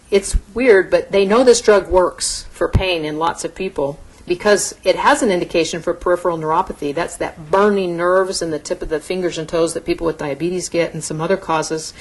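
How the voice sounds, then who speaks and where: Middle-aged woman, physician lecturer; conversational explanatory delivery, slightly low pitch. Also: low-quality recording. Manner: explanatory, conversational, occasional restarts. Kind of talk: medical lecture to an audience.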